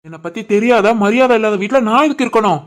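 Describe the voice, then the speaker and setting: A man voicing a hurt, self-pitying young husband in an animated family story, with a Tirunelveli Tamil accent. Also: sits high, quick pace, lightly acted. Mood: sulking.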